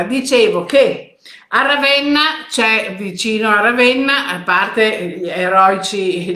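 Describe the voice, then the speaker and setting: A woman's voice: medium pitch, pushed and bright, roomy sound. An older woman from hosting a live stream, chatting casually and greeting viewers by name. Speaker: host of a weekly live stream. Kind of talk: casual live chat reading viewer comments.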